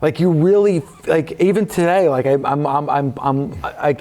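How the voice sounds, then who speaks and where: A man's voice: fairly high pitch, a little slow, darkish tone. A man in his fifties, a guest in a casual chat, earnest and often restarting his sentences. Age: 50s.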